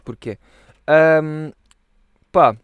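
Young man, clear smooth voice, close dry sound, rambling slangy podcast talk. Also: a little high, extremely slow, no echo, dull audio. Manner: rambling, slangy, swears freely. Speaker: podcast host. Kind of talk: casual solo podcast chat.

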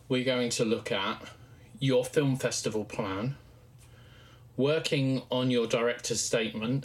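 A man with an English West Country accent talking alone as a podcast host, explaining things to listeners. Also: mid-range voice. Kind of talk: solo podcast talk, explanatory.

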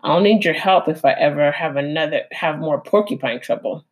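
A woman's voice: normal speed, lightly acted. A woman voicing a hungry, sly male fox who talks in an eager, wheedling way. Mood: eager pleading. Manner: eager, wheedling, higher and louder.

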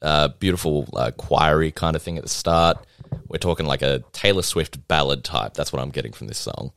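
A man's voice: a bass voice, moderate pace, creaky, a bit bright, no room sound, clean studio sound. A young man casually reviewing an album in a chatty, rambling, self-deprecating way, full of ums and likes. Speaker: music reviewer.

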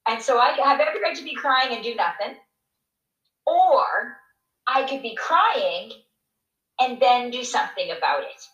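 A middle-aged woman from Canada, a motivational speaker telling a personal story in conversation, animated and often checking in with "right?". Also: measured pace, pauses often, roomy sound, highs cut off. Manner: animated, acts out quoted voices with big pitch jumps, frequent "right?".

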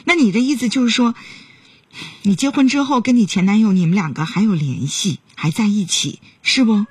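A woman's voice: mid-range voice, animated, a little fast, slightly rough, no echo, distant mic. A woman with a Northeastern Mandarin accent hosting a call-in advice show, blunt and scolding as she questions the caller.

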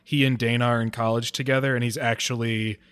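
A man with a medium-pitched voice co-hosts a recap podcast. His delivery is casual and conversational. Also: level tone, quick pace, fairly bright tone, clean tone. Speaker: podcast co-host. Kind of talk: casual episode recap chat.

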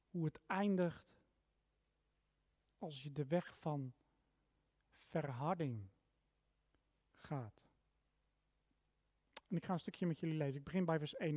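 A preacher delivers a sermon in a mid-range voice, reading a long Bible passage aloud. Single words are pressed out with force before the voice falls back quietly. The sound carries a long reverb from a large church hall. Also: mid-range voice. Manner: emphatic, stressing single words with sudden rises and drops in loudness.

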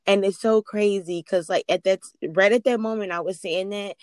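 A woman hosting a faith-based podcast interview, telling her stories in an animated way. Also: medium pitch, normal speed, no echo. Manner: animated storyteller, acts out quotes. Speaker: podcast host.

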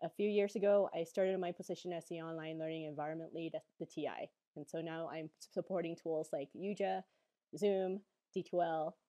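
A woman's voice: deep voice, fairly even intonation, fairly quick, warm tone, no echo. A woman from Hong Kong working from home, talking in a casual podcast with plenty of "like" and "um" fillers. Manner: chatty, leans on "like" and "um" fillers. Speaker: online learning lead and co-host. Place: home office.

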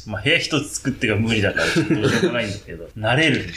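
A man chatting on a casual podcast, cracking jokes, laughing often and giving quick replies. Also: lowish voice, very animated, background noise. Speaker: podcast panelist. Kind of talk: casual chat.

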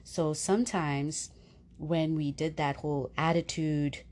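A woman with a notably low voice tells a story about her young children. She speaks at an easy, unhurried pace in casual conversation, filling pauses with little fillers. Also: steady tone, darkish tone. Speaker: podcast co-host, mother. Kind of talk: casual faith and parenting chat.

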